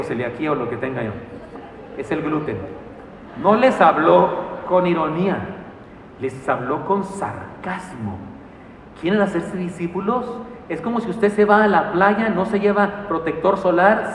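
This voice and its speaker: A man preaching a sermon in a church, animated and telling stories with humor and asides. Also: high voice, recorded from a distance, a little hiss or hum. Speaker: pastor. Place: church sanctuary. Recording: echoey hall, mic from afar.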